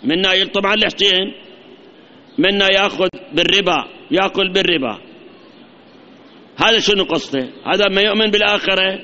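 Emphatic Iraqi preacher, bright high voice. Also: male voice, fairly quick, pauses often. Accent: Iraqi Arabic. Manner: emphatic, repeating lists, addressing listeners directly. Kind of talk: sermon. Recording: dull lo-fi recording.

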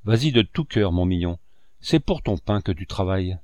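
A man's voice: deep voice, lively intonation, moderate pace, darkish tone, no echo, studio quality. A man voicing a cruel, oily middle-aged padrone who speaks in a sugary, mock-tender way.

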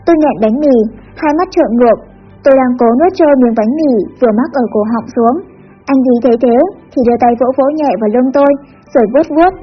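A woman reads a story aloud in an even, expressive style. Her voice is high, the recording sounds dull and lo-fi, and faint music plays in the background. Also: quick pace. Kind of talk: scripted narration of a teen story.

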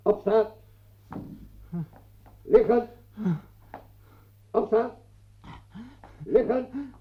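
A man playing a high, barking, domineering tormentor. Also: steady tone, drawn-out words, exaggerated voice. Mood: barking drill. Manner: barking commands, mocking, relentless. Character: domineering male tormentor, barking drill orders. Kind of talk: radio play acting. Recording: dull lo-fi old radio recording.

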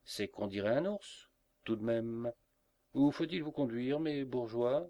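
A man doing a gruff, colloquial coachman. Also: medium pitch, measured pace, dark tone, dry recording, close to an everyday voice. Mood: amused. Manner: rough, colloquial. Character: gruff working-class male coachman.

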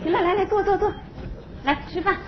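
A woman's voice: extremely high pitch, brisk, highs cut off, some chatter behind. A woman playing a bustling, hospitable wife who keeps the peace in a stage comedy sketch. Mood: coaxing. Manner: bustling, coaxing.

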